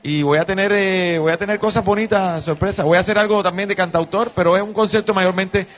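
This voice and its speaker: A man from Cuba, a singer-songwriter chatting as a guest, relaxed and friendly. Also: sits high, fairly quick. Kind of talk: casual interview chat.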